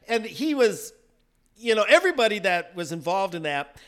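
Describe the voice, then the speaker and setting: A man co-hosting a podcast, telling stories in an animated way and laughing often. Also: sits high, moderate pace. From South Dakota. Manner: animated storyteller, laughs often, acts out quotes. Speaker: podcast co-host. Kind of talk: casual chat.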